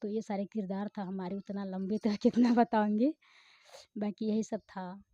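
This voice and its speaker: A woman's voice: medium pitch, flat delivery, normal speed, warm tone, no room sound. A woman who acts in films answers interview questions in a chatty, rambling way with many hesitations. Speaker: film actor. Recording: slightly muffled, dry recording.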